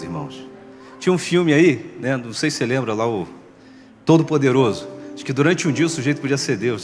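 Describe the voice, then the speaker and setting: A man's voice: medium pitch, big-room sound. A man from Brazil preaching a sermon as pastor, joking and acting out the voices of people who complain. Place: church sanctuary.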